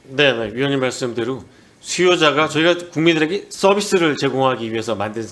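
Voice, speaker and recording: A man's voice: medium pitch, expressive, brisk, fairly bright tone. A man giving formal, careful and deferential answers as an official at a parliamentary hearing. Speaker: broadcaster chief nominee answering lawmakers.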